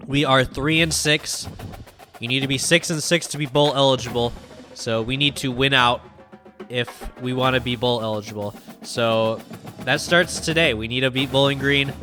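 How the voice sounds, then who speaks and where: A man's voice: mid-range voice, moderate pace, faint music behind. A young man with a stuffy, nasal voice from a cold, giving casual commentary as he plays a football video game. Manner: chatty, excited during play. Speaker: gaming YouTuber.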